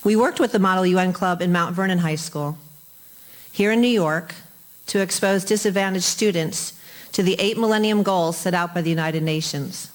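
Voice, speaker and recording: A young woman from the United States, a nursing student presenting a prepared talk in a measured, formal way. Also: lowish voice, poor audio. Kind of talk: reading a prepared group presentation.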